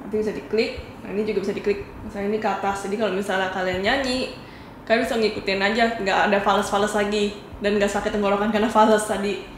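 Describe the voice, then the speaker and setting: A woman's voice: medium pitch, steady tone, fast talker. A woman reviewing a product in a casual demo, talking viewers through it step by step in a chatty way. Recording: echoey room with faint noise.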